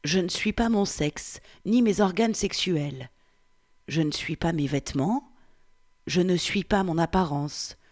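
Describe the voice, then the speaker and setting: A woman reading the part of a 47-year-old Frenchman, reciting in a slow, hushed, meditative way. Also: on the low side, close to an everyday voice. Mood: contemplative. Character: 47-year-old French man, pondering who he is. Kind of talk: reading a novel aloud.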